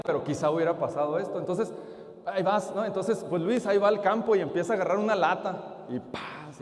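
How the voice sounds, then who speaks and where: A man preaching at a retreat, telling a story and firing questions at the audience. His voice sits fairly high. The sound is roomy, with the long echo of a large church. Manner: lively, asks the audience questions. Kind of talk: storytelling sermon. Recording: echoey church hall.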